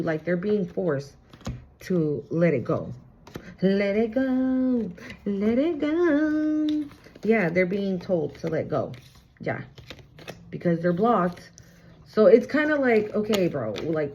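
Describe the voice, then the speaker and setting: Woman tarot reader, mellow voice, blunt and sassy, muffled lo-fi recording. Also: on the low side, slight background noise. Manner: chatty, blunt, profane, sassy. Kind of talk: casual spiritual tarot reading.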